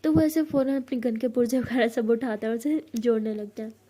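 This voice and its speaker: A woman's voice: a little high, a little fast. A woman casually retelling a love story as a narrator, with lots of filler words. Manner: lively, retelling with many fillers.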